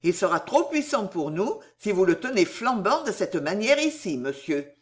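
A woman reading aloud, voicing a brisk, shrewd young manservant who gives urgent, sharp warnings. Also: mid-range voice, very animated, close to an everyday voice.

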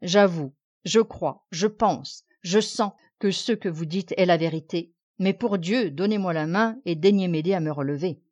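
A woman's voice: fairly low pitch, normal speed, darkish tone, lightly acted. A woman reading the lines of a defeated young male scholar, meek and weary, on a dull lo-fi recording. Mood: submissive.

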